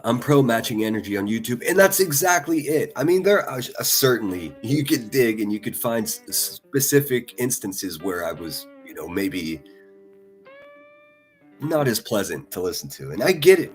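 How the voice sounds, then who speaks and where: A man's voice: on the low side, expressive, normal speed, faint music behind. A man on a casual live stream reading viewer comments, blunt and profane, talking passionately and often restarting his sentences. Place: at a desk in front of a laptop.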